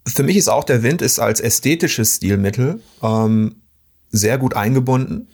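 A man discussing video games in a casual conversation, measured and full of hesitant pauses. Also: mid-range voice, darkish tone. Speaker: game critic.

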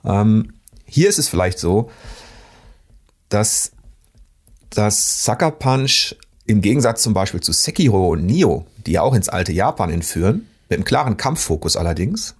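A man discussing video games in a casual conversation, measured and full of hesitant pauses. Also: on the low side, very animated, breathy edge. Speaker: game critic.

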